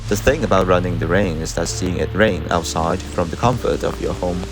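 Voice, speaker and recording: A man narrates a trail running vlog as a scripted voice-over in a measured, matter-of-fact way. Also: deep voice. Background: music.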